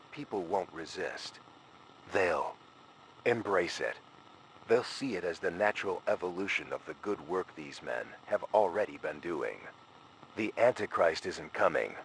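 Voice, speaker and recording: In a scripted analog horror recording, a man plays a frightened scholar leaving a final warning that is grave, ominous and urgent, with deliberate phrasing. His deep voice has lively intonation, and the poor audio carries a little hiss or hum.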